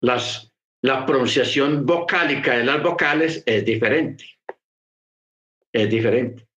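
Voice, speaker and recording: A man's voice: medium pitch, slow, a bit bright, roomy sound, lo-fi sound. A man preaching a sermon, explaining patiently and repeating key phrases for emphasis. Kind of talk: sermon teaching.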